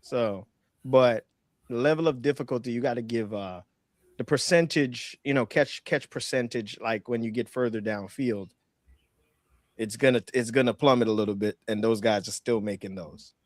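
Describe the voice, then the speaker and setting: A man in his forties co-hosting a sports podcast, talking in a halting, emphatic way with lots of repeated words. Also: mid-range voice, dry recording, clean studio sound. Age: 40s. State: out of breath. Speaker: podcast co-host and referee. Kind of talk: casual sports chat.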